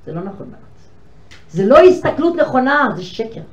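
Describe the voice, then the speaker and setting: An older woman giving a lively storytelling lecture to a room of women, acting out conversations with big swings in pitch and volume. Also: highs cut off. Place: lecture hall with an audience of women. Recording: echoey hall from far off, faint noise.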